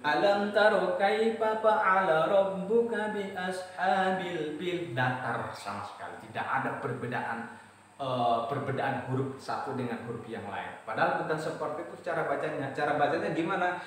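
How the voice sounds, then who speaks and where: An Indonesian man with an Indonesian accent explaining letters in a casual lesson, chanting recited verses slowly. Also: a little high, fairly bright tone, far from the mic. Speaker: Quran reading teacher. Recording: very echoey room, voice off-mic, faint noise.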